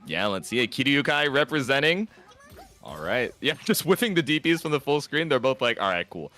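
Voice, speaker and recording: Male esports caster, bright tone, very animated pitch; analytical play-by-play with bursts of hype. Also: fairly quick, soft background music. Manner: analytical, excitable, gamer slang. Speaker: esports commentator. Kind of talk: fighting game play-by-play commentary.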